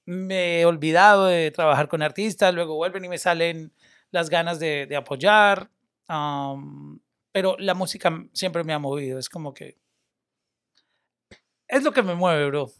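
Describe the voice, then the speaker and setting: A young man, a media personality and former radio host, chatting casually on a podcast, animated and loose, mixing English words into his talk. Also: a little high, a little slow, clear, resonant tone.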